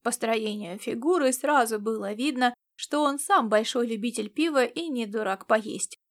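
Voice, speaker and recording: A woman narrating a science fiction adventure audiobook in a lively storytelling manner. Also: fairly high pitch, normal speed.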